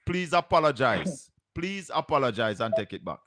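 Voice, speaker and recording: A Jamaican man hosting a live call-in radio show, talking in brisk, direct patois. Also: mid-range voice, big pitch swings, a bit bright, dry recording.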